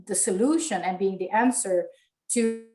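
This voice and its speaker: A woman giving a halting webinar presentation over a video call, her audio choppy and breaking up. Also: medium pitch. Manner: halting, with many fillers and restarts. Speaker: presenter from an animal shelter agency.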